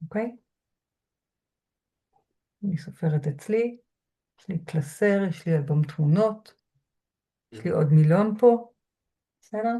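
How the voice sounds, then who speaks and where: Woman, lecturer, slow measured delivery, soft pauses, low mellow voice, speaking from home. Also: expressive. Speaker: lecturer guiding a grounding exercise. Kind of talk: calm guided lecture. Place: home room. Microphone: computer mic.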